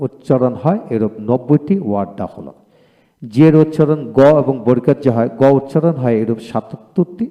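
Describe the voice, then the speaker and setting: A man teaching a lesson, methodically listing item after item with counts in a steady explaining voice. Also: medium pitch. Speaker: English teacher. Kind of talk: instructional explanation. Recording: long hall reverb.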